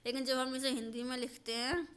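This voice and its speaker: A woman teaching a grammar lesson, slowly and patiently, repeating examples and checking that her students understand. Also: high-pitched, level tone, a bit bright, a little hiss or hum.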